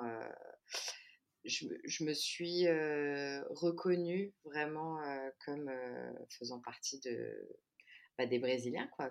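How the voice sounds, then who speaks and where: A French woman in her thirties, a podcast guest, chats casually but hesitantly, stopping often with fillers and restarts. Her voice rumbles low, and the audio sounds dull.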